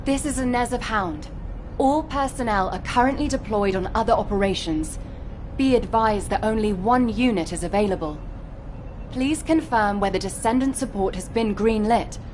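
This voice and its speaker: A woman's voice: medium pitch, moderate pace, darkish tone, a little hiss or hum, close to an everyday voice. A woman voicing a no-nonsense female field soldier in a video game, reporting in a formal, clipped, matter-of-fact way. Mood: firm, official. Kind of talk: video game voice acting, military radio report.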